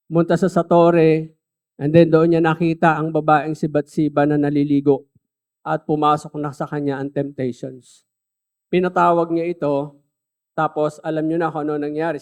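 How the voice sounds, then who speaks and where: A man preaching a sermon, earnestly mixing Tagalog and English and slowing down to stress key phrases. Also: fairly high pitch, little pitch movement, clean tone. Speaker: pastor. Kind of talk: sermon with personal testimony.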